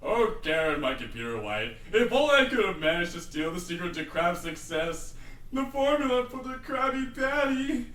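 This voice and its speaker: A man's voice: high voice, very animated, moderate pace. Man doing a ranting tiny villain plankton. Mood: scheming. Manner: ranting, gleeful, shouts and cackles. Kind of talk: amateur fan voice acting. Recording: echoey room, mic at a distance.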